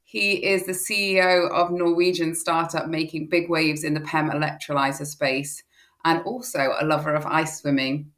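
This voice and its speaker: A woman's voice: sits low, fairly even intonation, normal speed, fairly bright tone. A woman hosting a podcast interview, upbeat and chatty, reading a scripted intro. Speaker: podcast host.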